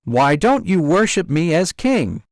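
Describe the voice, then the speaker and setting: A man's voice: a little high, sing-song, measured pace, no echo, clean studio sound. A man voicing the bold, proud Monkey King. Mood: commanding. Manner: exclaims in repeated short cries. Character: bold joyful young male stone monkey, proud leader.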